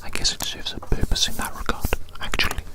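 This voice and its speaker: Using a soft, unvoiced whisper, an ASMR roleplayer takes the listener's measurements, speaking gently and reassuringly and slowly repeating phrases.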